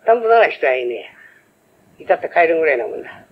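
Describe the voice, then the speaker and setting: A man's voice: on the high side, sing-song, quick pace, husky. An older man voicing a naive young master turned pumpkin peddler, timid and muttering to himself. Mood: fretful. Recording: old lo-fi recording.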